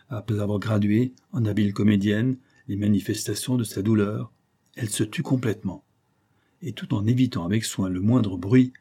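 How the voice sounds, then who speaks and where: Man reading an old adventure novel, low mellow husky voice, measured. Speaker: audiobook narrator. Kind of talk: scripted narration.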